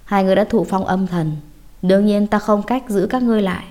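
Casting: female narrator as tired old male Taoist sage, unhurried and grudging, dark soft tone, audiobook fantasy. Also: mid-range voice, lightly acted. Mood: matter-of-fact. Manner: tired, sighing, slow to explain.

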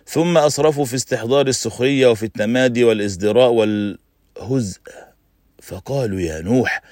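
A man, a sheikh hosting a religious radio program, tells prophet stories in a measured, formal, slow recitation. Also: medium pitch, a little mellow, no room sound, studio quality. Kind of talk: religious radio story lesson.

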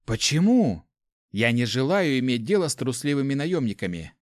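A man's voice: mid-range voice, very animated, moderate pace, no room sound, studio quality, natural voice. A man doing a curt, angry young mage. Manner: curt, clipped. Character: angry young male mage, blunt and proud. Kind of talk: audiobook character voice.

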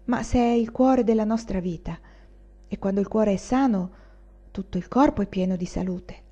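A woman voicing a calm, innocent young bride. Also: mid-range voice, normal speed, lo-fi sound, close to an everyday voice. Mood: gentle. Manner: calm, practical, gentle.

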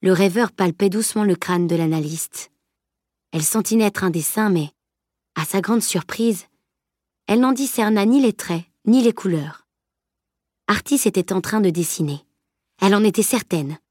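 A woman narrating an audiobook in a measured, even storytelling voice. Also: medium pitch, dry recording, clean studio sound.

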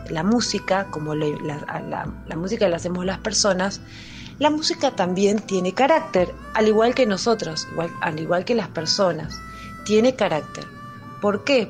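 A woman with an Argentine accent, a music teacher giving a patient, step-by-step explanation on school radio, often pausing with fillers. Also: fairly low pitch.

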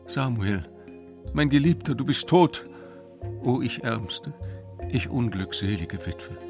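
A man's voice: mid-range voice, expressive, slow, music in the background, voice pushed up. A man voicing a melodramatic elderly wife who shrieks and sobs in lament. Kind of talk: story reading on radio.

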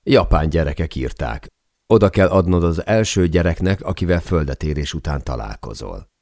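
Give me a cheerful middle-aged mother, read by a man narrating an audiobook in a very low voice. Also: lively intonation, no echo, clean studio sound. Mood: glad. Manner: glad, warm exclamations.

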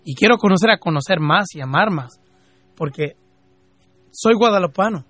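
Fervent Mexican man, husky voice. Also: high-pitched, animated, a bit bright, dry recording, faint music behind. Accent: Mexican Spanish, from Jalisco. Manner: fervent, rising to emphatic questions, then slow and drawn out. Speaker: radio host.

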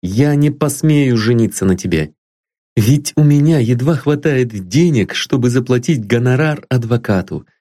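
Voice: medium pitch, lively intonation, moderate pace, warm tone, pitched above the performer's own voice, close to an everyday voice. A reader doing a tender young suitor. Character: poor young man, tender and earnest. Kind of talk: audiobook reading.

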